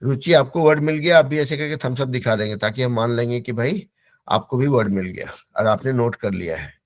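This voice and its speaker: During an online class, a man with a medium-pitched voice patiently drills English vocabulary. He repeats each word slowly for pronunciation. The recording is dry.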